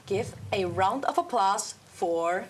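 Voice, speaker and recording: Young woman, talk show host, upbeat, mid-pitched voice, faint room hiss. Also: animated, slow pace. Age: teens or young adult. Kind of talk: student talk show hosting.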